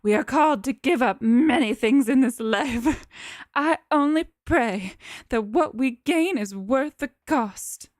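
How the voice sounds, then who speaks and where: A woman's voice: high-pitched, expressive, slow pace, no echo, clean studio sound, voice pushed up. A woman voicing a stern, grieving village matriarch from a horror game in a theatrical, strained delivery. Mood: strained, sorrowful.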